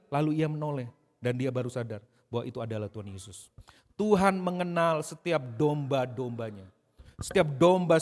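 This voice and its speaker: A man preaching a sermon, telling the story lively and speaking straight to the congregation. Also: a little high. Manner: storytelling, animated, addresses congregation directly. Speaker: pastor. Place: church hall. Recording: long reverb in a hall.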